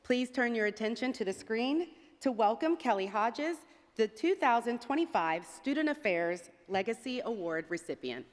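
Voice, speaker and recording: A higher-pitched female voice rings through a large, reverberant hall. She speaks as a ceremony host at a podium, with formal, scripted announcer delivery. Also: lively intonation, normal speed. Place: large event hall on stage.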